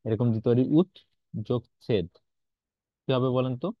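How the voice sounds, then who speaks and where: A male teacher of middling pitch leads an online class, explaining step by step and putting questions to his students. The sound is dry and a little dull, like a computer mic on a video call. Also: steady tone, normal speed, no echo. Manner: explains patiently, asks students questions, mixes in English words.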